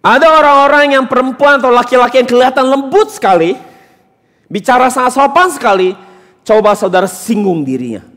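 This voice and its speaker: A man's voice: very high voice, lively intonation, brisk, a bit bright, in a large hall. A man preaching a sermon as pastor, questioning and teasing his congregation with emphatic points. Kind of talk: interactive sermon. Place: church hall during a service.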